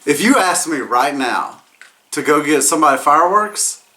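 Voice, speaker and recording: Tipsy, rambling man with swinging pitch. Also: lively intonation, normal speed, pushed and bright. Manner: repeats and loses his thread. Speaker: movie reviewer, host. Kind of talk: casual comedic plot recap.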